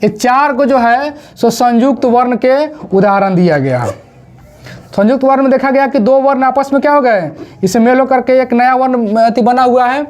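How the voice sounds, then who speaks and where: Grammar teacher, female, high voice, slow drilled pronunciation for exam prep. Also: darkish tone. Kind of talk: exam-prep classroom lesson. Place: classroom with a board.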